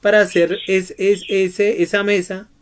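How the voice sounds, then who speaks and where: A man's voice: sits high, little pitch movement, unhurried, background noise. Male Bible teacher quizzing his students. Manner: asks students questions and prompts their answers. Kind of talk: Bible study lesson.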